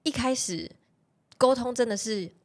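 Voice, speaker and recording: A young woman, a podcast guest telling personal stories in a casual, animated way and laughing often. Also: fairly high pitch, measured pace. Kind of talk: casual storytelling chat.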